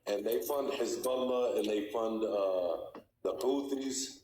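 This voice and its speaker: A man from the West Bank calling into a live stream, speaking in a measured, firm way. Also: fairly low pitch, dark tone. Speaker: caller. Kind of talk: casual call-in debate. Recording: echoey room with faint noise.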